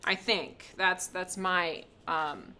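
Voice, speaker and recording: Bright, chatty woman hosting a craft reveal. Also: on the low side, fairly even intonation, drawn-out words, a little hiss or hum. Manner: chatty, upbeat, laughs often. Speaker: craft shop host. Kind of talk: live product reveal and craft demo.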